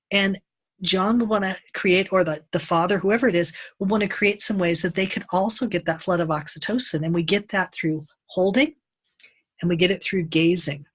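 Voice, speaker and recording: Husky woman teaching, animated. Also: mid-range voice. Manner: animated, acts out quoted voices. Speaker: Ayurveda teacher. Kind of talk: unscripted teaching talk.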